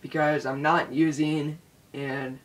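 A man giving a casual channel update, hesitant, with lots of ums, recorded in low quality on a built-in iPod microphone. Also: level tone, slow, a bit bright. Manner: hesitant, many ums and restarts. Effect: low-quality recording on a built-in iPod mic. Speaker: vlogger. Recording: distant low-quality handheld device mic.

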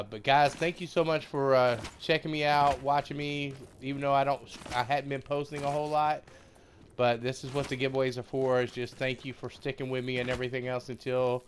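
A man's voice: medium pitch, a little hiss or hum. A man who makes gaming videos, talking casually to his viewers in an informal, buddy-like way. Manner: informal, familiar buddy-like address. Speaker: gaming YouTuber.

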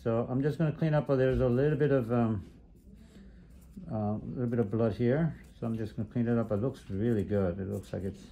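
Mellow-voiced male foot doctor. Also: on the low side, slight background noise. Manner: chatty, encouraging, many uh-huhs. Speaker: podiatrist. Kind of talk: casual chat while treating a patient. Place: clinic room.

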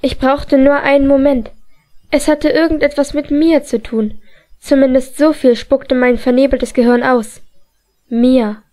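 A woman narrating a novel in the first person as an audiobook reader, calm and measured. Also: high voice.

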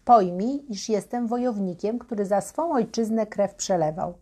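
A woman voicing a solemn giant armored knight with wings, speaking in an archaic, husky voice in a storybook legend. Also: medium pitch, expressive, moderate pace, warm tone, close to an everyday voice.

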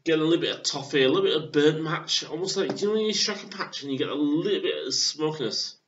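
A man's voice: on the high side, slight background noise. A man in his thirties from England, casually reviewing a beer at home on a webcam, with plenty of hesitant fillers. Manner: halting, filler-heavy, relaxed. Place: small room at home. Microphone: webcam at desk. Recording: dull lo-fi webcam audio.

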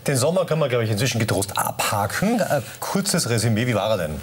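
Lively male TV host. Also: medium pitch, brisk, a little hiss or hum. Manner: lively, chatty. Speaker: morning show host. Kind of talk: breakfast TV hosting. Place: TV studio set.

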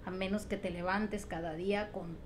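A woman's voice: mid-range voice, steady tone, moderate pace, a little hiss or hum. A woman gives an emphatic motivational talk to camera, repeating phrases and asking rhetorical questions. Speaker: motivational vlogger.

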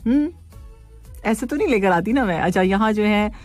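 A woman hosting a casual radio show, reading listener messages, playful and quick to laugh and tease. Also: medium pitch, animated, a little mellow, no echo, soft background music. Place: radio studio.

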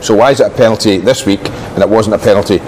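A man's voice: lowish voice, fast, darkish tone, a little hiss or hum, low-quality recording. An older man giving blunt, opinionated football analysis in a TV studio on a lapel mic. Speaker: football pundit.

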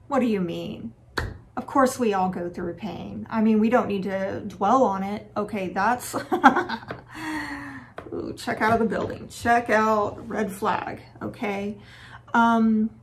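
A woman's voice: mid-range voice, a little hiss or hum. A woman hosting a relationship advice talk, speaking frankly in a casual, lightly sarcastic way. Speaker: relationship and dating advice host.

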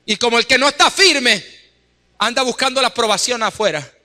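Man, pastor, high voice, bright tone, Sunday sermon, emphatic repetition, echoing church hall. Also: a little fast. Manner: preaching with emphatic, repeated exhortations; acts out wife and husband in asides. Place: church sanctuary. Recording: live hall with echo and music.

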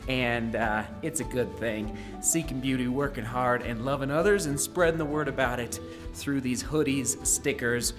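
A man in his thirties vlogs casually to a handheld camera held at arm's length as he walks through a hotel's rooms and hallways indoors. Upbeat and chatty, he speaks in a mid-range voice at a moderate pace, with music playing underneath.

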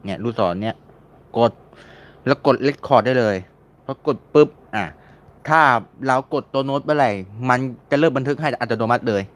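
A man's voice: medium pitch, normal speed. A man giving a casual, screen-recorded tutorial, chatting and repeating words while he searches and clicks. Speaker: mobile game modding tutor.

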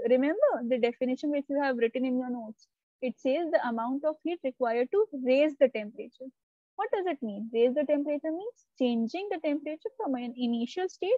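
Lady teacher, high voice, dry dull online class sound, keeps asking if it's clear. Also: no room sound. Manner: explains step by step, often checking if students follow. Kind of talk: live online class lecture.

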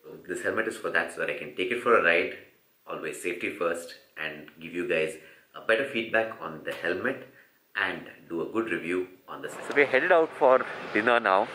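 A man's voice: low-pitched, expressive, a little fast, pushed and bright, roomy sound. A man in his forties with an Indian English accent, chatting to camera in a casual cycling vlog and explaining things step by step. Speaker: cycling vlogger. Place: hotel room, car and street at night. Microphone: handheld camera at arm's length.

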